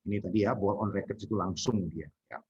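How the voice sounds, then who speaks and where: A male lecturer explaining politeness strategies in a lively lecture, often switching into English and acting out example phrases. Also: lowish voice, fast, breathy edge. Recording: dull lo-fi recording.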